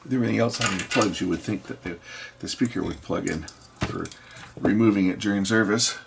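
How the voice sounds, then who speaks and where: Working through a fix on his repair video, an electronics repairer mutters and thinks out loud casually in his workshop. He speaks briskly in a low voice with vocal fry. Faint steady background noise sits behind him.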